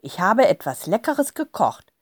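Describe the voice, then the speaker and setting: A woman voicing a caring mother who speaks gently to her children in a storybook reading. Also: medium pitch, very animated, unhurried, no echo, studio quality, pitched above the performer's own voice. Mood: gentle. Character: caring mother of a farming family.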